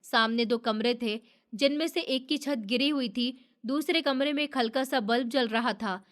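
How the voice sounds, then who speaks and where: A woman narrating a dramatic moral story in steady, scripted first person. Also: on the high side, normal speed.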